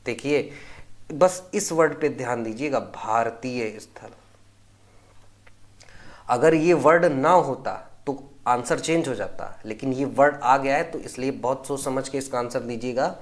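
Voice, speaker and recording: A man's voice: mid-range voice, moderate pace. A young man teaching a quiz lesson for exam prep, explaining each answer step by step and checking in with his listeners often. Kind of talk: recorded quiz lesson walkthrough.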